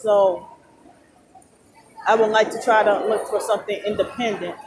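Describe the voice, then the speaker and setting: A sleep-deprived woman talks in a tired, halting ramble, as if to a vlog audience. Her voice sits at a middle pitch. Clear background noise from a busy indoor mall surrounds her. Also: steady tone. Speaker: vlogger. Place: loud indoor shopping mall. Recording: noisy mall ambience behind voice. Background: loud talking and mall noise.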